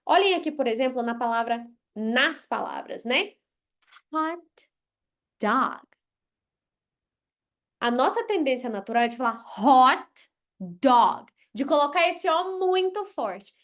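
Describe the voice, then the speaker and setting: A woman's voice: high voice, lively intonation, normal speed, hardly any pauses. A Brazilian woman teaching a live English lesson, blunt and playful, drilling words with exaggerated pronunciation.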